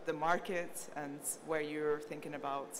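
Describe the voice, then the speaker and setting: A woman with a low voice questions a presenter conversationally. There is faint noise behind her at the event. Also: steady tone, unhurried. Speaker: pitch competition questioner.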